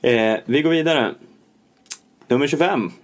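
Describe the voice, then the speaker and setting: A man co-hosting a casual podcast chat, making dry, wry remarks. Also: mid-range voice. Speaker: podcast co-host.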